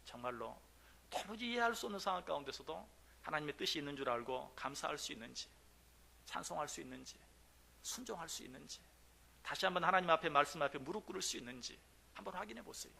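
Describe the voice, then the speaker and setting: A male pastor preaching a sermon in a church, moving from quiet pleading to loud exclamation and voicing God and the believer in quoted dialogue. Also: on the high side, expressive, fast talker, creaky, a little hiss or hum. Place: church sanctuary.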